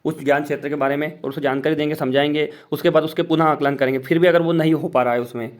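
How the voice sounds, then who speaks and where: A man's voice: fairly high pitch, steady tone, fast. A man teaching fellow teachers, explaining step by step as he points through a worksheet in a casual walkthrough.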